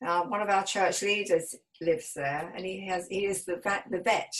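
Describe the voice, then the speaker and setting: A woman's voice: medium pitch, fairly even intonation, normal speed, low-quality recording. Chatty woman hosting a church radio show. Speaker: radio host. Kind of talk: casual chat.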